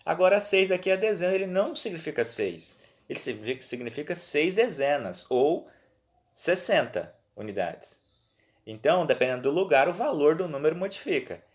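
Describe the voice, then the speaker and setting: A man's voice: a little high, big pitch swings, moderate pace. A male teacher with a Brazilian accent, explaining worksheet exercises to pupils in a patient, reassuring way and checking in often, recorded on a phone at home. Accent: Brazilian Portuguese. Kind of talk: remote lesson walking through worksheets.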